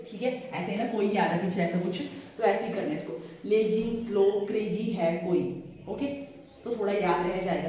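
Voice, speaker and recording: A woman's voice: medium pitch, mellow, slight background noise. Woman teacher, drills names with memory tricks, echoey classroom. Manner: repeats names slowly with memory tricks, frequent "theek hai". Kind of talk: classroom lecture. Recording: echoey classroom, far from mic.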